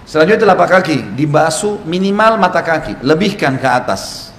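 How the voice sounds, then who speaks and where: A man gives a religious lecture in a fairly high voice, walking his listeners through each step and counting slowly as he demonstrates. The room is echoey, with a faint background hiss. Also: big pitch swings. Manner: explanatory, demonstrating with gestures, repeats counts slowly. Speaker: Islamic preacher.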